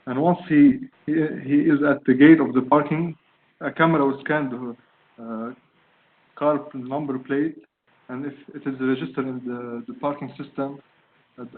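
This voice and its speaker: Over tinny call audio with a little background noise, a Lebanese man presents his student project on a video call. He pauses often, hunts for words, and leans on fillers, his mid-range voice keeping a steady tone.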